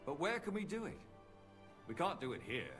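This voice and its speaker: A skeptical, lively investigator. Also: male voice, fairly high pitch, moderate pace, soft background music. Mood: doubtful. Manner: doubtful questioning. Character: skeptical, worried investigator doubting a risky plan. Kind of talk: conversational video game dialogue.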